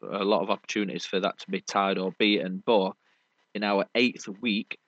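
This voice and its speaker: A man's voice: low-pitched, steady tone, normal speed, fairly bright tone, no room sound. A British man hosting a sports podcast, chatting casually and explaining things in a matey, rambling way. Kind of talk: casual sports review chat. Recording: dull lo-fi audio.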